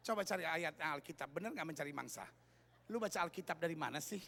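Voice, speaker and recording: Man, pastor in a church hall, joking sermon, high voice, bright and forceful. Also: fast talker, gravelly. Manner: lively joking preacher, acts out quoted voices.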